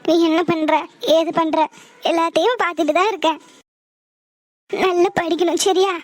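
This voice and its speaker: A woman's voice: extremely high pitch, fairly even intonation, normal speed, no echo. A woman voicing a young married woman and caring elder sister. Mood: soothing.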